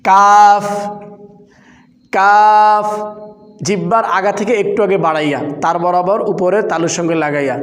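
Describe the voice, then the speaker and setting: A man's voice: high voice, fast talker, few pauses. A man teaching adult beginners to pronounce the Arabic letters of the Quran, explaining patiently and repeating each letter several times. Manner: repeats each letter aloud, louder on drilled sounds. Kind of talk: slow, patient pronunciation lesson. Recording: echoey room with long reverb.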